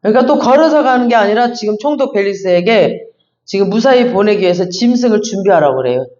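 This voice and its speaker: Male pastor, high voice, chatty emphatic Bible teaching, echoey muffled church recording. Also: lively intonation, quick pace, darkish tone. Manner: conversational, emphatic, reads verses then explains. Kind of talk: expository Bible sermon. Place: church sanctuary. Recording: echoey, dull church sound.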